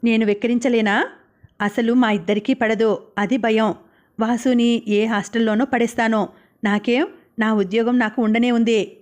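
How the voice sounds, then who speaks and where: A woman voicing a proud, sharp-tongued young wife who speaks bluntly and defiantly. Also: on the high side, fairly even intonation, normal speed, natural voice.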